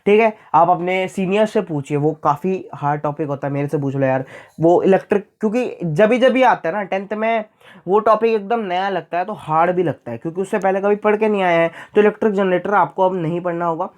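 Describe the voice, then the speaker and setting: A man's voice: sits high, a little fast. Young male explainer, chatty, keeps repeating key points, talks straight to students. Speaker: teacher explaining syllabus changes.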